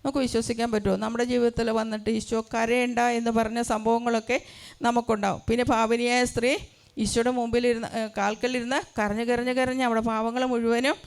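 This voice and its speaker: A woman's voice: on the high side, flat delivery, fast talker. A religious sister giving an earnest testimony in a church hall, asking her listeners rhetorical questions. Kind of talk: sermon testimony.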